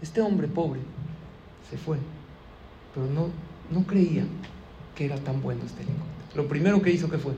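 Un rabino con acento mexicano que da un sermón contando una historia con moraleja y hablándole directamente al público. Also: male voice, fairly high pitch, normal speed, pauses often, muffled recording, a little hiss or hum. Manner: lively storyteller, addresses audience directly. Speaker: rabbi. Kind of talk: sermon with a moral story.

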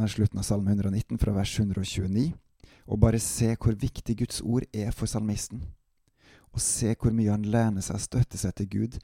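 A man reads scripture aloud in a calm, steady way as the host of a devotional. His voice sits a little low and sounds very warm and dark. The recording is dry and close, with no room sound. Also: dry recording. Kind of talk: Bible reading and devotional.

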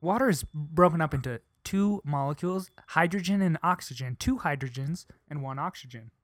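A man's voice: a little high, brisk, no echo, clean studio sound. A young man co-hosting a podcast, bickering playfully and explaining things with mock-scientific confidence. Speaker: podcast co-host. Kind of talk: casual chat.

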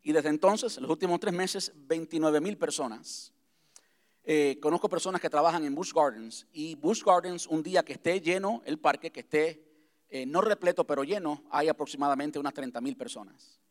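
A man speaking as pastor to his congregation in a church, talking conversationally and repeating key points slowly. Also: fairly high pitch. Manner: conversational, repeats himself, slows to spell things out. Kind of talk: church vision address to congregation. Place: church sanctuary.

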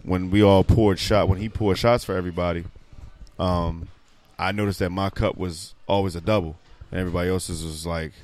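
A very deep-voiced man in his thirties hosting a laid-back podcast. He rambles and restarts, breaks into laughter often, and talks loudly and playfully. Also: fairly even intonation, fairly quick. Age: 30s. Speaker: podcast co-host. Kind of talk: casual chat.

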